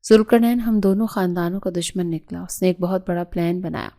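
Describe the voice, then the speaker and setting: A woman's voice: fairly low pitch, dark tone, lightly acted. A woman voicing a respectful male assistant in an audio story, explaining urgently.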